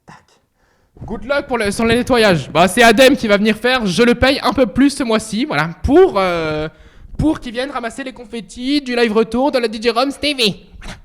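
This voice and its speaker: A man in his twenties chatting casually on a livestream, excitable and playful, swearing often and breaking into outbursts. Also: extremely high pitch, normal speed. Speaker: streamer.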